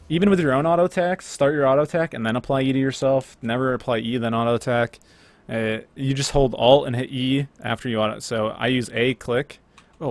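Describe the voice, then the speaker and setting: Laid-back and chatty, a young man comments on his own gameplay footage with plenty of fillers and self-corrections, speaking in a mid-range voice.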